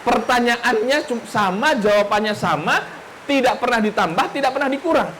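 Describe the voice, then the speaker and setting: A man's voice: very high-pitched, animated, moderate pace, a bit bright, a little hiss or hum, rough recording. A man preaching a sermon who speaks straight to his listeners, asks them questions and repeats his key phrases. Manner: addresses the audience directly, asks rhetorical questions, repeats phrases. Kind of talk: sermon with storytelling.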